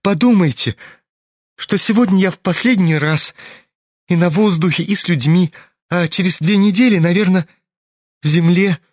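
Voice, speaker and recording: A man voicing a dying young man who speaks quietly and hoarsely, with a calm, ironic edge. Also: high voice, normal speed, pauses often, no room sound. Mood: wistful.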